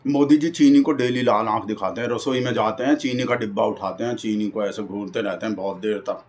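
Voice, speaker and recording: A man's voice: lowish voice, fairly quick, darkish tone. A man delivering a rambling satirical monologue in character as an earnest party devotee, folksy and mock-earnest.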